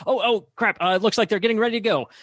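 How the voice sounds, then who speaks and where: A man doing mock play-by-play commentary, deadpan and full of hesitant fillers. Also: high voice, racing, no echo. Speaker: play-by-play announcer.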